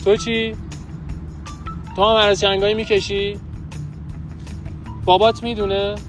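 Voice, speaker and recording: A man's voice: high voice, flat delivery. A young man doing a hidden-camera street prank outdoors in a park, with a brash, pushy, mock-scolding way of talking. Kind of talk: street prank, teasing banter. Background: background music.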